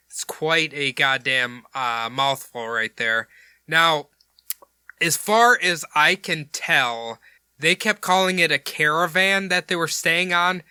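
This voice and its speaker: A man hosting a podcast who retells a case in a loose, rambling, jokey way. His voice is a little higher than average and piercingly bright. The sound is crisp and bone-dry. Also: no echo. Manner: rambling and jokey, with crude asides. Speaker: podcast host.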